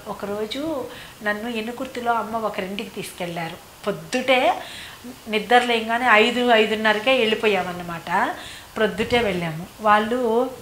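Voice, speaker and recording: A woman's voice: medium pitch, a bit bright, slight background noise. Woman reminiscing in an echoey room. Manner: rambling, repeats phrases, fills with "annamaata". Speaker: devotee recounting memories of a saint. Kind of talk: reminiscing oral storytelling.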